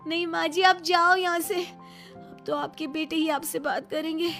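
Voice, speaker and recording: Hurt young cartoon daughter-in-law, reproachful, high voice, a woman voicing her. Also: level tone, unhurried, a bit bright, soft background music, exaggerated voice. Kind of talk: cartoon voice acting.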